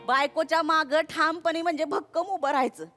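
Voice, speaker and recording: A very high, scolding old mother-in-law, acted by a woman for a comedy sketch. She is bossy and melodramatic in her complaints, and music plays clearly under her voice. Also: fairly quick, close to an everyday voice. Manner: loud, combative, melodramatic complaining. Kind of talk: stage comedy sketch acting.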